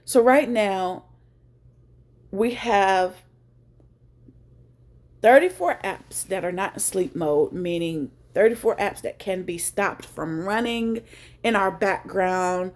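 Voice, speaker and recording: A woman with a mid-range voice hosts a casual phone tutorial over screen-share, speaking slowly and pausing often. She's a tech tutorial host who chats, jokes, and thinks aloud as she works through it.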